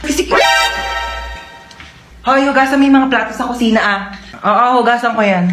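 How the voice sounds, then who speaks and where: A woman's voice: a little high, normal speed, over loud music. A young Filipino woman acting out comic family skits, exclaiming and bickering as she switches between roles. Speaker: comedy skit creator.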